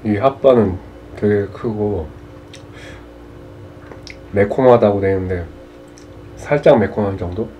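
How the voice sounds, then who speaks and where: A man casually chatting with viewers on an eating show while chewing his food, soft-spoken and relaxed. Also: on the low side, unhurried, pauses often. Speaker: mukbang vlogger. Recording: dull lo-fi sound with faint room noise.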